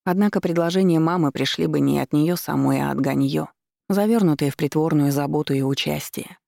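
A woman narrating a first-person audiobook in a steady, measured way. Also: low voice, creaky, no echo, clean studio sound.

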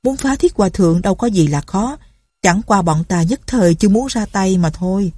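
A woman's voice: mid-range voice, animated, a little fast, mellow, husky, no echo, clean studio sound. A woman voicing boastful older male martial artists who brag in an audiobook. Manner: boastful, brash. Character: boastful old male martial artist, one of six brothers.

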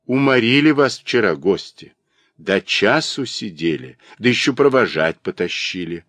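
A man's voice: fairly low pitch, animated, measured pace, fairly bright tone, dry recording. A man reading as a devoted, jealous young peasant woman. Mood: reproachful. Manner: reproachful, emotional pleading.

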